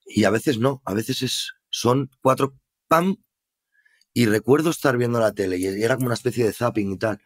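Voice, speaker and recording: A man's voice: mid-range voice, brisk. A man with a Spain Spanish accent, a podcast guest telling his story in earnest, reflective casual conversation.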